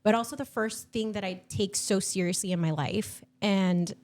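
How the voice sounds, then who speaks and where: A woman's voice: mid-range voice, moderate pace, darkish tone. A woman in her thirties from Argentina, chatting enthusiastically as a podcast guest with plenty of fillers. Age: 30s. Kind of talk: casual chat.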